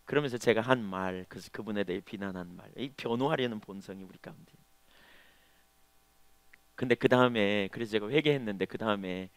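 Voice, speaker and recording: A middle-aged man preaching a Sunday sermon as pastor, telling a personal story and sometimes stumbling over words when he speaks quickly. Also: on the low side, clean tone, dry recording. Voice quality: stammers when speaking fast. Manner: storytelling, swings between loud emphasis and quiet asides. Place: church sanctuary.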